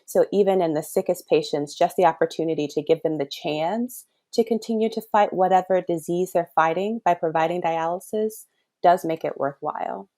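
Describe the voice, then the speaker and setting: A pediatric kidney doctor in her thirties, from Chicago's south suburbs, is a guest in a casual interview. Her voice is fairly low and dark, at a moderate pace, and she speaks thoughtfully and earnestly, laughing often.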